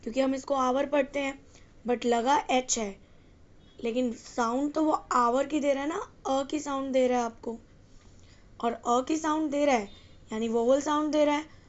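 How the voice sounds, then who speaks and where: Woman grammar teacher, high voice, dull lo-fi recording, asks the class and answers herself. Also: fairly even intonation, moderate pace. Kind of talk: exam-prep English grammar lesson.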